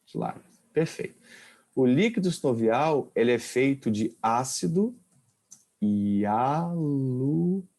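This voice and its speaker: Male lecturer, mid-pitched, gravelly and casual, quizzes the class. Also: expressive, unhurried, mellow. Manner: casual, quizzes students with questions. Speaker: kinesiology professor. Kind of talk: informal lecture.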